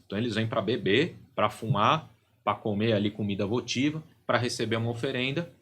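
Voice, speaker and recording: Low-voiced Brazilian man explaining patiently. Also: a bit bright, breathy edge. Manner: explains at length, tags sentences with "né?" and "entende?". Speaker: podcast guest, religious leader. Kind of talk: explanatory podcast interview.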